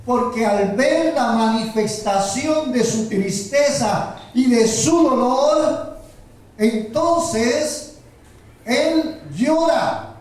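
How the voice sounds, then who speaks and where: A male pastor delivering a slow, emphatic sermon and asking rhetorical questions of the congregation. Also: extremely high pitch, a little mellow. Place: church sanctuary. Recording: roomy echo, heard from a distance.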